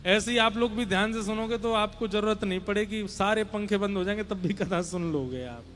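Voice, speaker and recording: A man's voice: sits high, fairly quick, fairly bright tone. A young man giving a devotional sermon to a seated audience in a large hall, chanting verses and earnestly urging everyone to listen closely. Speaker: kathavachak preacher.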